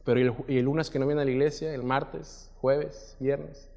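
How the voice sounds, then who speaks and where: A man's voice: medium pitch, fairly even intonation, moderate pace, creaky, a little mellow. A man preaching a sermon, reading scripture aloud with swelling emphasis and putting questions to the congregation. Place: church hall. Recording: reverberant church hall.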